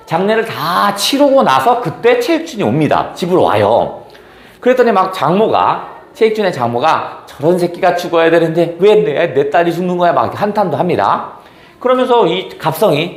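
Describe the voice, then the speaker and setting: A man's voice: on the high side, roomy sound. A male teacher explaining a novel in a casual exam-prep lecture, asking and answering his own questions. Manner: reads dialogue aloud in character. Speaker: Korean literature teacher.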